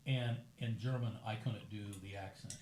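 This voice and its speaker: A man's voice: on the low side, normal speed. Older man telling stories in an echoey room. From United States. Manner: storytelling, relaxed and chatty. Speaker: host. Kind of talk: casual dinner conversation. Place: room at a dinner gathering. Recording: echoey room with faint background noise.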